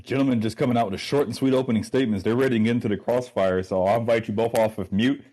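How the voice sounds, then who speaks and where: A man's voice: mid-range voice, fairly even intonation, rapid-fire, warm tone. A man hosting and moderating a sports debate show, easygoing and full of ums. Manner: easygoing, filler-heavy moderator.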